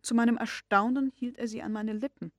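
Female audiobook narrator, expressive and measured, dry and close. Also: on the high side, no room sound. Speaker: audiobook reader. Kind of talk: audiobook narration of a classic novel.

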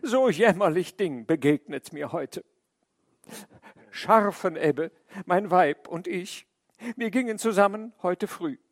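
A man's voice: high-pitched, expressive, slow pace, pauses often, no room sound, studio quality, heavily acted. A man voicing a grieving, wailing crow. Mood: lamenting. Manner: wailing, pleading lament. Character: grieving talkative male crow, lamenting.

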